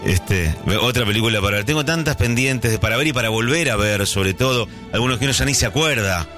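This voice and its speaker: A man's voice: medium pitch, quick pace. A man with an Argentine accent hosting a late-night call-in radio show, musing and reminiscing at an easy pace. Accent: Argentine Spanish. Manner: musing, reminiscent, relaxed, speaks over soft music. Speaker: radio host. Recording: faint music behind.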